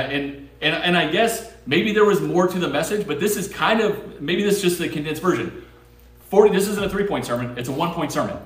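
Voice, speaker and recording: A man preaching a casual, conversational sermon, reading Bible verses aloud, joking and asking the congregation questions. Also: medium pitch. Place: church sanctuary. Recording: roomy church recording from a distance.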